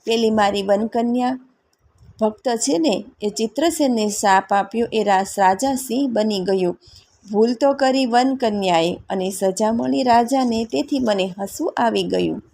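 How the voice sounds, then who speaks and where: A woman storyteller voicing a calm, amused male god who explains with authority, with a gravelly voice. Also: fairly high pitch, measured pace.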